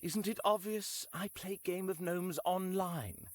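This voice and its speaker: An actor voicing a fussy, pedantic board-game obsessive in a video game, prissy and sniffy. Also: male voice, high-pitched, steady tone, unhurried.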